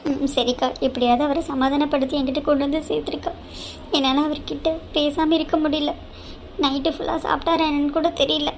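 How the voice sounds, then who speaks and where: A woman's voice: sits high, little pitch movement, fairly quick, slight background noise. A woman voicing a young, emotional wife in a cartoon drama, pleading and devoted to her husband. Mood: tearful.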